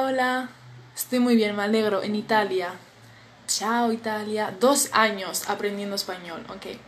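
A young woman with a slightly high voice sounds sleepy and chatty as she hosts a live stream, a Spanish teacher reading viewer comments aloud and reacting in a friendly way. She sits at a table in a small indoor room, recorded on a phone camera held at arm's length, with faint background noise.

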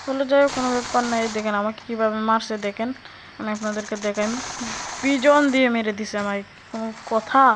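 Excitable Sylheti woman gaming commentator. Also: a little high, fast, background noise. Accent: Sylheti Bengali. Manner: chatty, excitable, addresses viewers, frequent exclamations. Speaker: gaming YouTuber. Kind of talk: mobile game commentary.

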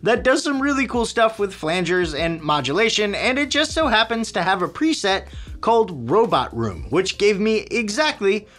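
A man's voice: high voice, very animated, normal speed, a bit bright, faint music behind. A man hosting a video tutorial, walking through editing steps in an upbeat, step-by-step way. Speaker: video creator and host. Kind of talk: scripted tutorial narration.

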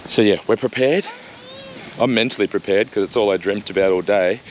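A man's voice: on the low side, fairly quick, a crowd in the background. A man in easygoing, chatty vlog talk at an outdoor bush campsite. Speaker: travel vlogger. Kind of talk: casual vlog chat. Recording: noisy outdoor camp recording.

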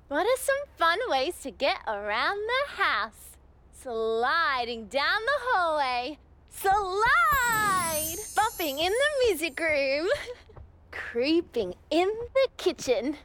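A woman's voice: very high-pitched, bright, forceful tone, a little hiss or hum. A young adult woman, playfully narrating actions for small children as a show presenter. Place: colourful TV studio set. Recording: music behind the voice.

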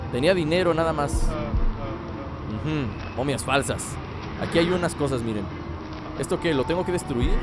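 Young man, upbeat jokey gameplay host, slightly high pitch, game music underneath. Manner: joking, chatty, laughs often. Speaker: gaming channel host. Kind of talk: let's play commentary.

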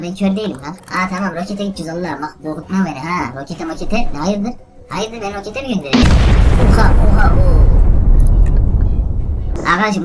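A woman hosting a let's play video, giving excitable, exclaiming commentary and talking straight to her viewers. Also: on the low side. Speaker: gaming video host.

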